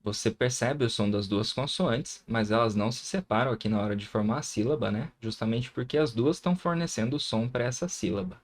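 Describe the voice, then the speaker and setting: A man's voice: mid-range voice, fairly quick, hardly any pauses. A man with a Brazilian Portuguese accent teaching a recorded grammar lesson, patiently sounding out syllables and often checking in with the viewer.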